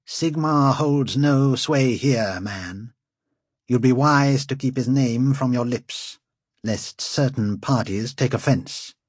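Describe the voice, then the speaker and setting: A man's voice: medium pitch, slow pace, husky, no echo, clean studio sound, voice pushed up. A man doing a pompous, mocking swamp lord. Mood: haughty. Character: haughty nude noble lord hunting in swamps.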